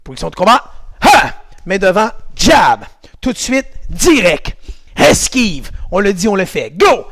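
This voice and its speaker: Guy coaching kids karate, high voice w/ some gravel, shouting counts. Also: very animated, measured pace. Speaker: karate instructor. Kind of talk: online kids' karate class.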